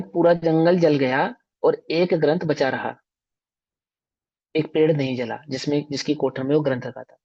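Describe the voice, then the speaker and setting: A man's voice: on the high side, darkish tone. A man giving a religious discourse as a scripture teacher, emphatic and full of rhetorical questions to his listeners. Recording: dull lo-fi recording.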